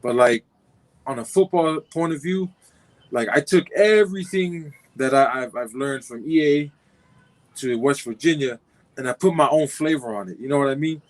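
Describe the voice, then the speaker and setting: A football player in his twenties from Compton in Southern California answers questions in a casual interview, laid-back and rambling with lots of fillers and restarts. His voice is mid-range at a moderate pace, and the recording is rough.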